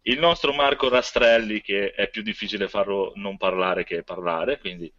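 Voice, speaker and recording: A man's voice: on the low side, fairly even intonation, moderate pace, pushed and bright. A man hosting a podcast in casual chat, with informal, teasing banter and slightly lo-fi online audio. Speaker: podcast host.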